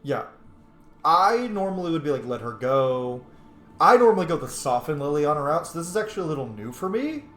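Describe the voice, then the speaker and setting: A gaming host with a fairly bright, high-leaning voice talks fairly quickly, his pitch swinging widely. He gives informal, opinionated roleplay commentary over a game playthrough, in a roomy, echoing space with game music behind him.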